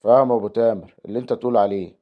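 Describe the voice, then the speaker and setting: A steady family man, voiced by a man, speaks firmly and very quickly with an Egyptian accent. The recording sounds dull. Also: fairly low pitch, close to an everyday voice. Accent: Egyptian Arabic. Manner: firm, reassuring.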